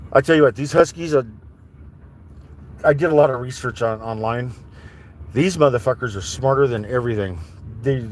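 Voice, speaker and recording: A man's voice: mid-range voice, a little hiss or hum. A man vlogging from his vehicle on private land before dawn, rambling casually and swearing as he talks to his dogs. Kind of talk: casual chat while driving.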